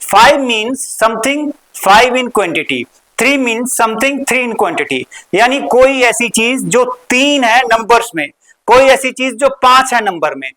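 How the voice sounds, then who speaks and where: A woman teaching a maths lesson. She asks questions, answers them herself, repeats key words and slows down on the important terms. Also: on the high side, lively intonation, fairly bright tone, low-quality recording. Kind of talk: recorded classroom lesson.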